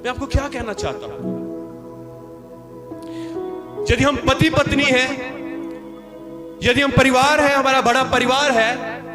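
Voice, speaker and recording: A very high-pitched man preaches to a seated congregation, with loud music running under his voice. He tells a story and repeats phrases for the people to say back. He acts out the voices in the story and rises to shouted praise. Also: moderate pace. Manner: repetitive, calls on the congregation to repeat lines; acts out the characters' quoted lines. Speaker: pastor. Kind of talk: sermon with storytelling. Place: church hall with seated congregation.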